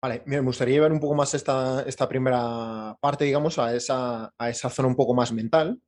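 A man's voice: mid-range voice, steady tone, fairly quick, darkish tone. A man hosting an interview podcast, informally feeling his way through his questions in a conversational style. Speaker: podcast host.

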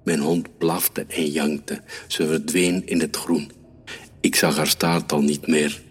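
A man reading a children's story aloud in a calm, measured way. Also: very deep voice, breathy edge. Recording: reverberant room with soft music.

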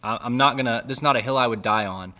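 A man with a bright, sharp-edged voice co-hosts a casual faith conversation. He mostly adds short interjections. When he says more, he hedges carefully and stumbles over his words. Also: medium pitch, fast. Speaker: podcast co-host.

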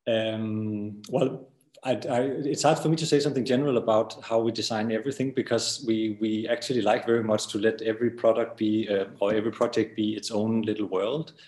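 A man's voice: fairly low pitch, steady tone, a little fast, a little mellow, reverberant. A man from Denmark with a Danish accent, speaking as an architect guest in an interview, hesitant with many fillers and repeated words. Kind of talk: interview conversation.

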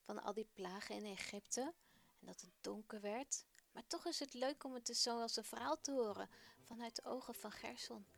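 A woman presenting a children's radio program, reading a story aloud in a friendly, expressive way. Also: fairly high pitch, moderate pace, gravelly.

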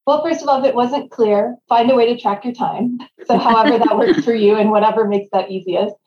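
A woman's voice: on the high side, a little fast, slight background noise. A woman speaking as a consultant guest in a conversational podcast interview, on a roomy, slightly dull recording.

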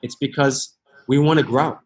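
Thoughtful and earnest, the American podcast guest, a man in his thirties, often breaks off and begins his sentences again during reflective interview talk. His voice is medium-pitched and steady at a normal speed.

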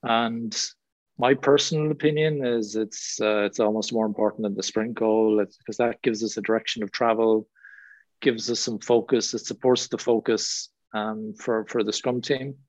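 The fairly low, fairly even voice of a middle-aged Irishman moves at a moderate pace as he fields webinar questions as a guest trainer. His talk is discursive and filler-heavy, recorded with no echo in dull lo-fi sound.

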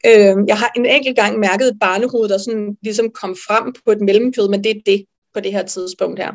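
A woman midwife telling a personal story in an interview, lively and animated, with frequent fillers. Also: mid-range voice. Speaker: midwife guest.

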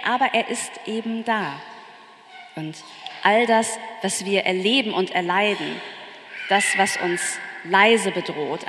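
A woman pastor preaches in a slow, deliberate cadence. She lifts her voice on key words and lets each phrase settle. It is recorded in an echoey church with a long, lingering reverb. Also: mid-range voice, fairly bright tone. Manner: slow, measured preaching with emphatic rises. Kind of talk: sermon.

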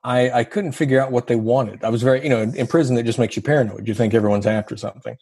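A man recounts his past in a husky voice, recorded close and dry. He tells it with a wry, self-deprecating humor and easy laughter, in a relaxed interview. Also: mid-range voice, fast talker, no echo. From American South. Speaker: guest. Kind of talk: conversational storytelling interview.

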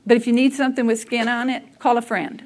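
Brief: woman, conversational sermon, candid storytelling, voice a touch high. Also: flat delivery, fast talker, darkish tone. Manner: conversational, candid, laughs at herself. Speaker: speaker at a church service. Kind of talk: sermon with personal stories.

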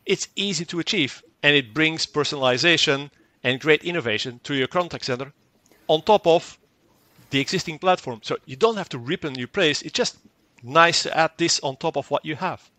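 A tech company guest, a man whose native language is Dutch, explains a technical product during an interview. His slightly high voice is bright and forward at a normal speed, recorded dry and close with no echo. He speaks fluently, though he repeats words and acts out brief exchanges.

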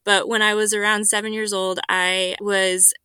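A young woman raised in Guatemala and Mexico, earnestly sharing a personal faith story as a podcast guest, with many ums and soft laughs. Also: mid-range voice, little pitch movement, normal speed, smooth, no echo. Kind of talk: personal testimony in a podcast interview.

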